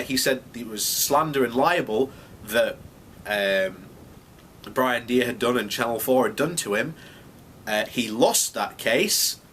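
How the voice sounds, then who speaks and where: A male video blogger with a slightly high, fairly bright voice offers unscripted, opinionated commentary. He speaks emphatically and indignantly, repeating himself to hammer his points home.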